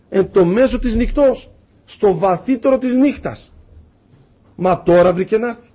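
A man's voice: high-pitched, darkish tone, husky. A man preaching a sermon with passion, telling stories and acting out the dialogue in them. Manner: impassioned, acts out dialogue in stories.

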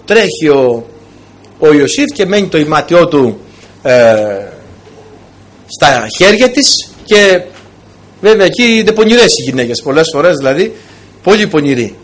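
A male preacher with a husky, slightly breathy voice that sits high for a man. His pitch swings widely as he drives home each point and speaks straight to his flock. He delivers a storytelling sermon with steady emphasis. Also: pauses often. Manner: emphatic, storytelling delivery with a direct address to the congregation.

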